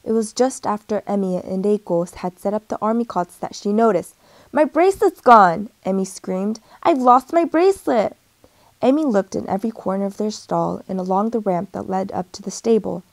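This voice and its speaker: A woman reads a picture book aloud in a gentle storytelling way, lightly giving each character a voice of their own. Her pitch sits in the middle, and the recording is close and dry. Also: fairly even intonation, normal speed, gravelly, dry recording. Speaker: storybook reader.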